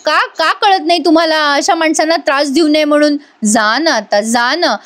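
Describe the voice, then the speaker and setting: A woman voicing an irritable young wife from a TV serial, reading her lines in a nearly plain, high voice. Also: moderate pace, a bit bright. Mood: scolding. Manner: scolding, then worried self-talk. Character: young wife, curt and annoyed, then anxious.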